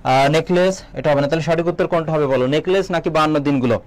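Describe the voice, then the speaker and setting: A young man runs a live exam-prep lesson, firing quick questions at his viewers and reading their answers aloud. His voice sits a little high for a man, and he keeps a steady teaching rhythm. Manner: quizzing viewers, reading out comments. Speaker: admission coaching teacher.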